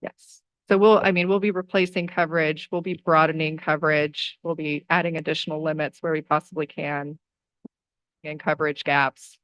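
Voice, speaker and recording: A woman presenting insurance coverage to a school board, steady and reassuring, with some filler words. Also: sits low, normal speed, no room sound, lo-fi sound. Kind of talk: formal presentation at a meeting.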